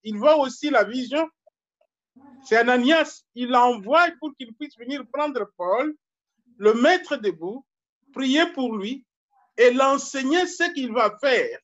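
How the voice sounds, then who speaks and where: A man from Congo, a pastor preaching a sermon slowly and deliberately, repeating his key phrases. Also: extremely high pitch, lively intonation, fairly bright tone, highs cut off.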